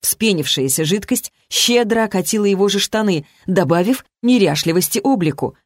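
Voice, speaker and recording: A man narrating an audiobook in a steady, even storytelling manner. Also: sits high, moderate pace, dry recording, studio quality. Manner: steady, even storytelling with lightly voiced dialogue. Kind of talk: scripted narration.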